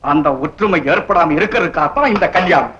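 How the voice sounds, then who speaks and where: A man's voice: high voice, brisk, a bit bright. An actor playing a domineering, scheming rich man, in a commanding, smug 1960s film acting style, on a dull old film soundtrack.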